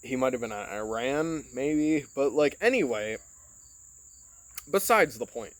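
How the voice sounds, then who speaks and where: A podcast host from Michigan, medium-pitched with lively intonation, takes his time in a loose, meandering monologue recorded on his phone with no room sound. Curse words and fillers such as "like" and "you know" show up constantly.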